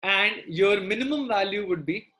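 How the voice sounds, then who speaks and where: A woman's voice: mid-range voice, animated, moderate pace, fairly bright tone. A woman with a South Indian accent teaching a live online maths lesson, repeating phrases and often checking in with students.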